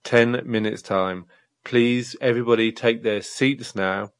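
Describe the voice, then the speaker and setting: A man reading scripted public announcements in a measured, formal way, with a few small hesitations. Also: mid-range voice, fairly even intonation, dry recording, studio quality. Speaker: announcer in a listening exercise.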